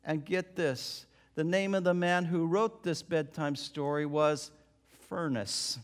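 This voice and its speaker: A man preaching a sermon, dramatic, dropping to a hush and then rising to loud emphasis. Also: fairly high pitch, slow.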